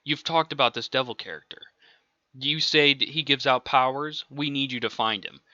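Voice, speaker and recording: A man's voice: mid-range voice, moderate pace, pushed and bright, no echo. A man voicing a bossy, impatient male agency chief who gives curt orders, on a dull lo-fi recording. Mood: briefing. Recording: dull lo-fi dry home recording.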